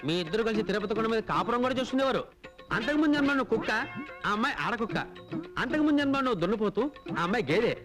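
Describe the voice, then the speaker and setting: A man's voice: very high voice, expressive, racing. An actor playing a scheming, bumbling astrologer priest in a film comedy, rattling off his patter. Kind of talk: Telugu film comedy acting. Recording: film soundtrack with music underneath.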